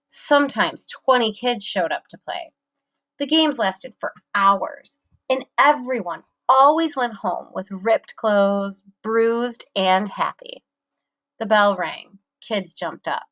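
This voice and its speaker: Woman, audiobook narrator, slow pace, measured, clear storytelling. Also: mid-range voice, fairly bright tone.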